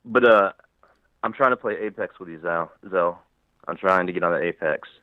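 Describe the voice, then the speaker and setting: A man calling in to a paranormal talk show, telling his story haltingly with a slight lisp from a broken front tooth. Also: deep voice, dry recording. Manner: halting, repeats words, restarts. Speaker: caller. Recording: tinny phone line.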